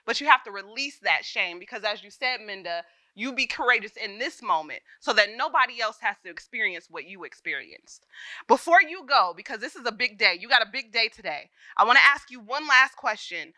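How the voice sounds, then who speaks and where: A woman's voice: on the high side, animated, a little fast, sharp tone, dry recording. A woman moderating a panel conversation, effusive and exclamatory. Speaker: host and moderator.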